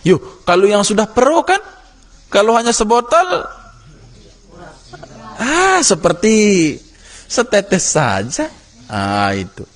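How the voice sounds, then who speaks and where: A male religious teacher tells a moral story to his class, his fairly high voice swooping with expression. He acts out the scenes and stops to quiz his listeners. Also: takes it slowly, long pauses. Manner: animated storytelling, acts out characters, asks the class questions. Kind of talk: Islamic study lesson.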